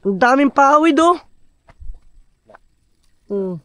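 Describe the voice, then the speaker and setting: A man's voice: very high voice, lively intonation, slow, a bit bright, no room sound. A man vlogging outdoors at a camp build site, talking directly to his viewers in a casual, upbeat way. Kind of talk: casual vlog narration.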